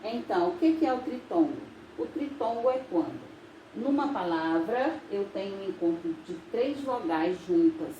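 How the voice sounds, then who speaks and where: A woman from Brazil, a teacher, explaining grammar in a recorded video lesson, slow and patient, with frequent recaps. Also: medium pitch, lively intonation, dark tone, highs cut off. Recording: echoey room with faint noise.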